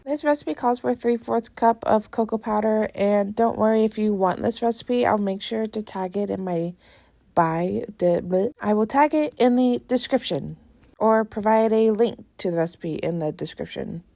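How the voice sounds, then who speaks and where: In this casual chat vlog, a young American woman talks to herself while working in her home kitchen, chatty and self-deprecating. Her congested voice is mid-range and warm with vocal fry, and she speaks at a normal speed.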